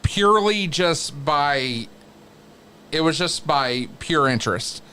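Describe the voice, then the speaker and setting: A man's voice: on the high side, animated, slow, bright, forceful tone. An American man telling career anecdotes as an interview guest, in casual conversation. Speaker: wrestling announcer and radio veteran, interview guest. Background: background noise, wrestling show playing on a TV.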